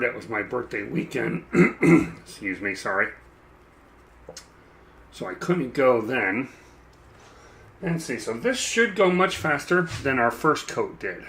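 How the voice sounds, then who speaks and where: A man chatting casually while he paints a miniature, rambling and self-deprecating, with a dry, froggy throat that he keeps clearing. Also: medium pitch, lively intonation, a little slow, pauses often, bright, forceful tone. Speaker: mini painting streamer.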